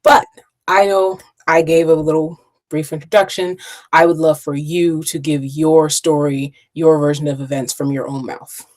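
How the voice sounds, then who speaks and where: A woman hosting a casual interview over a video call, animated and chatty. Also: deep voice, normal speed. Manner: animated, chatty, laughs often. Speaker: podcast host.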